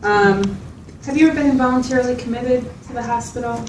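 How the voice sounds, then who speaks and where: A woman with a slightly high, natural voice talks fast as a supportive mental health clinician in a conversational clinical interview, explaining, reflecting back and checking in with the listener. The mic is distant, with roomy echo and loud background noise.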